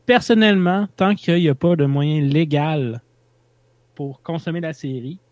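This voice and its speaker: A man with a Québécois accent chats loosely on a podcast, his voice sitting fairly high for a man. The recording is dry and close, with no room around it. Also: measured pace, no room sound. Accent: Québécois French. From Quebec. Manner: loose, chatty, laughs easily. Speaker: podcast co-host. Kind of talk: casual podcast chat.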